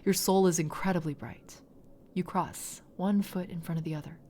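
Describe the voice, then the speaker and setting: A woman streamer reading a game's second-person narration aloud in a measured, softly dramatic way. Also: on the low side, fairly even intonation, slight background noise. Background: faint game music.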